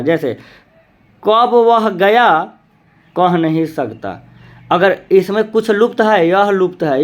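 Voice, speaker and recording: High-voiced teacher with a tinge. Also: male voice. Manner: repeats example sentences slowly, quizzes listeners often. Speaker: Hindi grammar teacher. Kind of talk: classroom-style grammar lesson.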